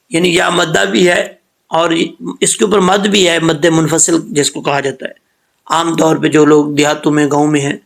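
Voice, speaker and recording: Gravelly-voiced man teaching Quran recitation. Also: fairly high pitch. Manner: patient step-by-step explanation, slowing down to model sounds.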